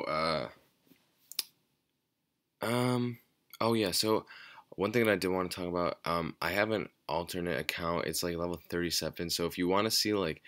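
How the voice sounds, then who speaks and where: Quiet, deep-voiced man commenting on a game. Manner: quiet, low-energy; hesitant, rambling. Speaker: gaming channel host. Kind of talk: casual off-the-cuff game commentary. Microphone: speaking away from the mic at times.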